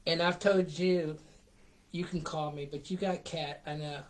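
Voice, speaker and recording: An earnest guest talks openly in a casual, emotional chat. The speech rambles and stays near tears. The voice sits at a middle pitch. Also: steady tone, measured pace. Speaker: guest friend.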